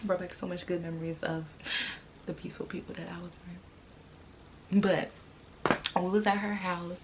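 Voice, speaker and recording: A woman's voice: fairly low pitch, fairly even intonation, moderate pace, background noise. A young American woman telling a personal story casually, in an informal, candid and emphatic way, repeating and drawing out words. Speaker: vlogger.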